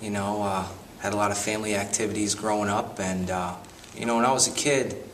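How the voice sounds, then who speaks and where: A man's voice: on the low side, steady tone, a little fast, fairly bright tone, recorded from a distance, slight background noise. A man in his late twenties from Connecticut, rambling through his memories with many restarts for a documentary. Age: 20s. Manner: rambling, lots of you-knows and restarts. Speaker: interviewee. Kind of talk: documentary testimony.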